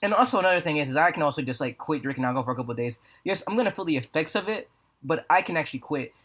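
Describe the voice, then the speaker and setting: A man's voice: a little high, expressive, racing, fairly bright tone. A young American man telling a story in a casual vlog, rambling and slangy with plenty of swearing. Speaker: video creator. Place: apartment room with a fan running. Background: fan hum.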